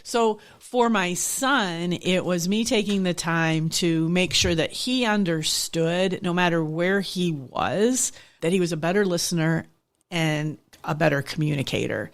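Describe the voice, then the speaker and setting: Middle-aged woman with a gravelly voice. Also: lowish voice, measured pace. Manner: reflective, candid storytelling with frequent restarts. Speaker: nonprofit executive director, podcast guest. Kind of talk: conversational interview.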